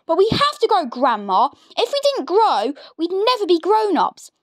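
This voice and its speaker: A woman's voice: very high voice, huge pitch swings, moderate pace, no echo, studio quality, voice pushed up, full character voice. A woman voicing a polite eight-year-old boy who pleads and protests in a read-aloud story. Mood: pleading.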